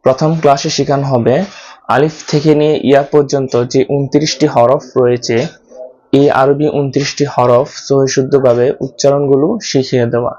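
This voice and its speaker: A man from Bangladesh teaching an online Quran lesson, slowly explaining how to pronounce each Arabic letter and repeating each sound many times. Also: medium pitch, flat delivery, mellow, muffled recording.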